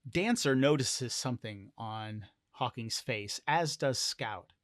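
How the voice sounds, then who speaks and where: A man telling a solo tabletop role-play adventure in an unhurried, deliberate way, letting each beat land slowly. His mid-pitched voice sounds dry and close, with no room echo around it. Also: animated, a bit bright. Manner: measured, deliberate storytelling. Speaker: solo game narrator.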